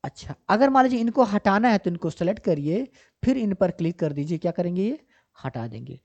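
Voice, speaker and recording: Mellow-voiced woman computer teacher. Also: on the low side, sing-song, a little fast. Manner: asks herself questions and answers them, checks often with 'ठीक ना'; repetitive, step-by-step explaining. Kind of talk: screen-recorded software tutorial. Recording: slightly dull lo-fi audio.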